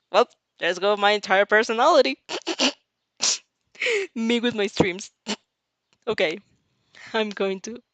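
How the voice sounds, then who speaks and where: A young woman streams a casual read-aloud of fan fiction at a medium pitch, sounding giggly, animated and scattered.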